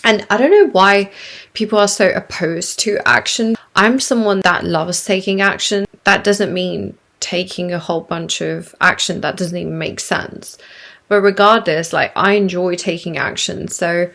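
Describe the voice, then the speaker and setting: A congested woman with croaky vocal fry, explaining self-help ideas to her viewers in a reflective way. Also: on the low side, unhurried, a bit bright. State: congested from a sinus illness. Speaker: YouTube creator.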